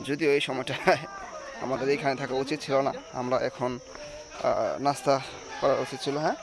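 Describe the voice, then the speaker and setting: A young man from Bangladesh vlogging outdoors on a hillside, joking loudly and teasing his friends. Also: mid-range voice, fairly even intonation, normal speed, noisy background. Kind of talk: travel vlog narration.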